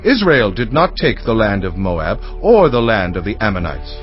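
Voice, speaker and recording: A man's voice: on the low side, very animated, moderate pace. A man playing a proud warrior commander in a dramatized audio Bible, assertive and emphatic in his rhetoric. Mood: firm argument. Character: Jephthah, proud, challenging mighty warrior and commander. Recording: dull band-limited audio, faint music underneath.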